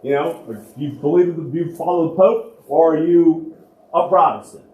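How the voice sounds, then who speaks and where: A church archivist from the United States, male and slightly high-voiced for a man, talks at a normal speed as he leads a congregation through local history. The lecture is relaxed and conversational, with him often asking a question and answering it himself. The sound carries the echo of a spacious church hall.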